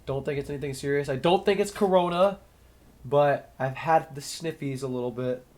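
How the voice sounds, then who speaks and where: A young man's slightly high, darkish voice comes through a little nasal and congested from a cold. Speaking at a moderate pace, he casually commentates a match alone, calling each play and mulling things over between points.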